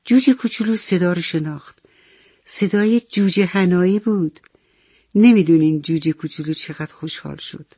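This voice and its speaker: Children's story narration, gravelly voice, dry close sound, talks to the kids with questions. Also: medium pitch, dark tone, no room sound. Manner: speaks directly to children with questions.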